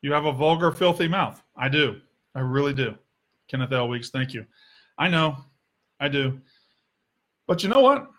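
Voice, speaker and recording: Bright, heated, profane male sports podcaster. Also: medium pitch, lively intonation, moderate pace, pauses often. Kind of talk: opinionated sports rant.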